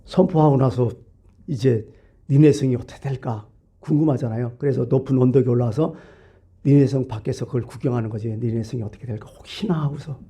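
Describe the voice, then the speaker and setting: A male pastor preaching a sermon in church, retelling a Bible story with lively rhetorical questions to the congregation. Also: mid-range voice, a little fast, breathy edge.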